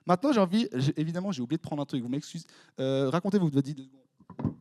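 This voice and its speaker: A young man with a Swiss French accent, preaching as a youth pastor in a lively, joking way, quizzing his congregation. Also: a little high, no echo. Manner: playful, jokey, quick asides to the crowd. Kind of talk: lively sermon with audience interaction. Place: church hall before a congregation.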